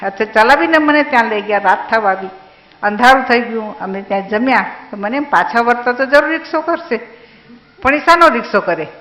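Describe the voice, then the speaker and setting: An older woman giving a personal reminiscence speech about her husband, with a gently humorous storytelling manner. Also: on the high side, expressive, a little fast, reverberant, rough recording. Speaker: speaker's wife giving a tribute.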